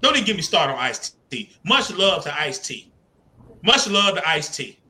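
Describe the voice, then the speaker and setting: A man hosting a podcast in loose, animated casual chat, breaking into laughing asides. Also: on the high side, normal speed, roomy sound. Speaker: podcast host.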